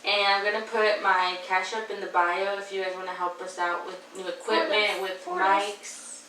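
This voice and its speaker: A woman's voice: mid-range voice, level tone, moderate pace, noisy background. A young woman hosting a casual podcast with her cousins, chatty and full of fillers. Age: young adult. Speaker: podcast host. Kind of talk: casual chat. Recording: echoey room, distant mic.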